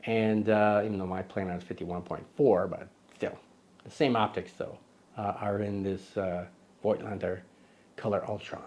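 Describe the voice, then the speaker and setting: Male vlog host, lowish pitch, chatty and digressive, self-correcting with jokey asides, outdoor recording. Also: fairly even intonation, moderate pace, darkish tone. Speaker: host of a camera lens video. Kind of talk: casual vlog lens review.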